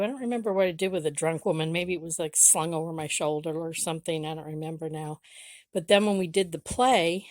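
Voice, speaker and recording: A woman's voice: low-pitched, dry recording. A middle-aged woman talking casually about her old costumes at home, chatty and rambling with frequent restarts. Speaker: vlogger.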